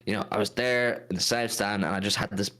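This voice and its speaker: A man's voice: fairly low pitch, steady tone, a little fast, bright, forceful tone. British man hosting a casual live stream. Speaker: host of a football fan live stream.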